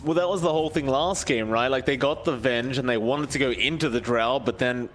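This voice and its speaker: A man's voice: mid-range voice, a little fast, a bit bright, faint music behind. A man hosting an esports broadcast, casually chatting and putting questions to his co-caster. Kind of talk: casual play-by-play banter.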